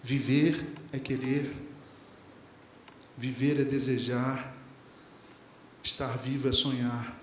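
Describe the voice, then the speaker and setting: This Brazilian-accented pastor speaks slowly in a mid-range, fairly flat voice, leaving long pauses. His sermon is conversational, full of quoted lyrics and sayings and questions to the congregation, captured in an echoey church hall with faint ambience and slight background noise.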